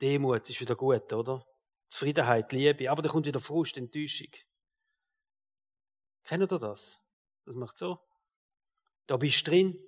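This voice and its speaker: A man with a Swiss German accent preaching a sermon, moving from loud rhetorical questions to quiet, low asides. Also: moderate pace, pauses often, long reverb tail.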